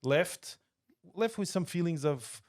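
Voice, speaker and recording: A man's voice: on the high side, lively intonation, slow pace. Thoughtful man from Portugal, podcast guest. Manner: thoughtful, many restarts and fillers. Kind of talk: casual interview chat. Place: podcast studio.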